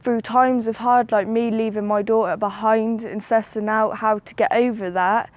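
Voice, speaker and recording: Measured young woman, level tone. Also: a little high, steady tone, narrow, tinny audio. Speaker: care leaver and young mother. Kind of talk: interview to camera.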